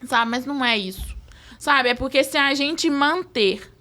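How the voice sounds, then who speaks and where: Brazilian woman guest, a bit high and very bright, earnest, filler-heavy podcast explainer. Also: measured pace. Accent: Brazilian Portuguese. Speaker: social services representative, guest.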